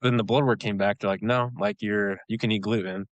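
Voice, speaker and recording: A man with a lowish voice recounts his experiences in a relaxed, rambling way, dotting his talk with fillers and quick laughs. The sound is close and dry, with no room around it. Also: no room sound, highs cut off. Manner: relaxed storytelling, many "like" fillers, laughs often. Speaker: guest, elite runner. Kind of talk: casual interview chat.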